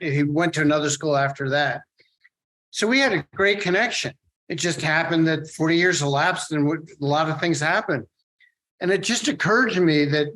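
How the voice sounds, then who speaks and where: A late middle-aged man from the Philadelphia area, a guest artist talking in a casual interview, rambling and halting with many restarts. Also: a little high, a bit bright, low-quality recording.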